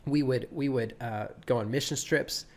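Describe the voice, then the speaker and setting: A man in his thirties, a pastor and guest, telling stories in an animated way, with a laid-back surfer-like voice, often acting out what people said. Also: medium pitch, normal speed. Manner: animated, quotes people, many restarts. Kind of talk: casual storytelling interview.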